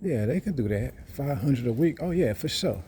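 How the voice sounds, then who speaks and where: A man's voice: medium pitch, animated, normal speed, dark tone, a little hiss or hum. Rambling, boastful man in his thirties. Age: 30s. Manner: rambling, boastful, repeats himself. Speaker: vlogger. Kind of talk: casual monologue.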